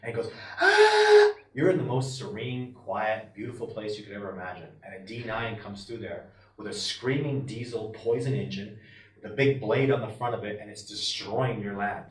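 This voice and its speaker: A man's voice: lowish voice, a little fast. A man, a wilderness expert, speaking passionately and emphatically in an interview, often acting out what others might say. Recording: roomy and distant from the mic.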